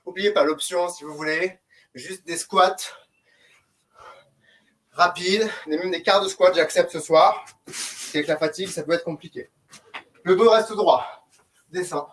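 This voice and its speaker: A man's voice: a little high, fairly even intonation, measured pace, long pauses, fairly bright tone. A man coaching a group workout, giving short, commanding and encouraging instructions. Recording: distant mic, noisy background, clicks.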